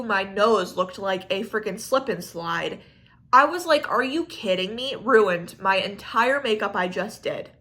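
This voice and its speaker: A young woman with a bright, clear-toned voice chats casually to camera about beauty products. She rambles frankly, piling on "like" and "I don't know" as she goes. She is expecting a baby. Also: medium pitch. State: pregnant. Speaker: beauty vlogger. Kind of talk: casual chatty product review.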